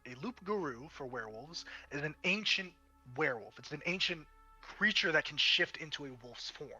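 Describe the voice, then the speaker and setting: A man narrating a tabletop fantasy game as game master, with dramatic pauses and emphasis. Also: fairly high pitch, expressive, sharp tone, slightly rough, soft background music, low-quality recording.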